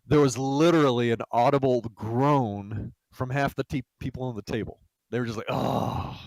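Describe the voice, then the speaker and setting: A man's voice: mid-range voice, normal speed, a little mellow, no echo, low-quality recording. A man giving an informal lecture on project management, telling stories in a blunt, salty way with lots of fillers. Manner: casual, blunt, salty, lots of "you know". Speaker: game studio executive teaching project management.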